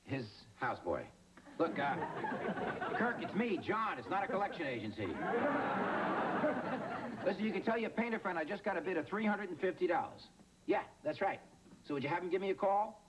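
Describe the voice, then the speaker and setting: Stammering, flustered teacher. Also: male voice, high voice, animated, fairly quick, pauses often, over a noisy crowd, heavy background noise. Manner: stammering, nervous restarts. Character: easygoing, flustered middle-aged male teacher. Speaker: high school teacher. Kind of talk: sitcom acting.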